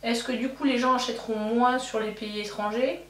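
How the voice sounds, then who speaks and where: A bit bright and on the high side, this woman speaks at a moderate pace with fairly even intonation, far from the mic. She's a beauty vlogger rambling casually as she does her makeup, thinking aloud with lots of fillers, restarts, and self-corrections. An echoey room and faint hum color the off-mic recording.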